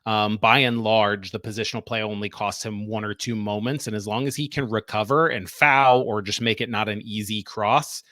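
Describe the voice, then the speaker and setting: A man's voice: fairly low pitch, fairly even intonation, moderate pace, hardly any pauses, bright, forceful tone, dry recording, clean studio sound. A man co-hosting a soccer podcast, explaining tactics and walking through plays step by step in a casual, analytical way.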